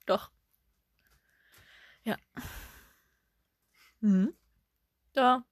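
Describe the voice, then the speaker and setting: A young woman with a fairly high voice tells a story in a casual chat. She is animated, acting out her younger self with sudden cries, and laughs often. The sound is dry and close. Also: drawn-out words, no room sound. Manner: laughs often while telling. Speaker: podcast co-host.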